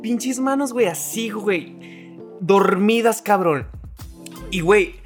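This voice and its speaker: Here is a Mexican man with a high, bright-pitched voice. He co-hosts a podcast and tells an anecdote with a crude, lively streak, tacking güey onto nearly every phrase. Faint music sits quietly behind him. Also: takes it slowly. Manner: profane, animated storytelling, says güey after almost every phrase. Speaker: podcast co-host. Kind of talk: casual storytelling chat.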